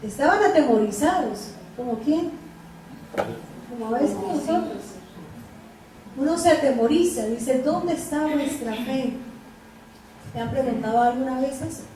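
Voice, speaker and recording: High-voiced woman preaching in an echoey room. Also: lively intonation, normal speed, pauses often, mellow. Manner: asks the listeners questions, repeats Bible verses. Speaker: Bible teacher. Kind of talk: Bible study sermon. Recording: echoey room from far off, faint noise.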